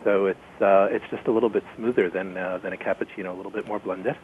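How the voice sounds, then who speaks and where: A man's voice: sits low, fairly even intonation, fast talker, noisy background. Hesitant man on a dull call line. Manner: hesitant, full of fillers. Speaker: panel guest. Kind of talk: radio panel chat.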